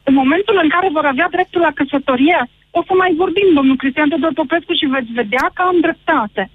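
A woman's voice: high voice, dry recording. A woman calling into a talk show, insistent and repeating her point. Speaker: caller. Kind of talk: call-in debate. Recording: tinny phone line.

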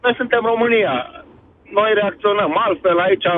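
A man calling in to a radio show from the road, speaking haltingly with many fillers and restarts. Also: sits high. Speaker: caller. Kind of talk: call-in opinion. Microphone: phone while on the road. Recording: tinny phone line with road noise. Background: faint vehicle noise.

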